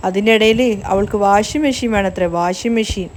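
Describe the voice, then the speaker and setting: A woman's voice: mid-range voice, fairly quick, a little hiss or hum, lightly acted. A woman reading the lines of a blunt, tactless middle-aged uncle in a serial recap, grumbling in her own voice.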